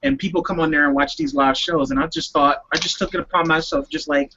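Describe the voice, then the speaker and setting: A man's voice: a little high, very animated, quick pace, gravelly, pushed and bright, breathy edge. A man appearing as a guest on a podcast, talking loosely, joking and swearing freely. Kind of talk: casual podcast chat. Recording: dull lo-fi audio with faint noise.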